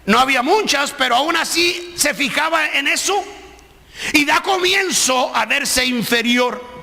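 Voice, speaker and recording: High, gravelly preaching man in a reverberant hall. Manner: animated preaching, shouting key words. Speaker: pastor. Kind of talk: sermon. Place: church hall. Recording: live stream with long hall reverb.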